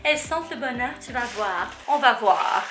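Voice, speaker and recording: A young woman with a Québécois French accent, gushing excitedly as she unboxes items for her vlog. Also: a little high, normal speed. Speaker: vlogger. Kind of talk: unboxing chat to camera. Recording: roomy echo with faint music.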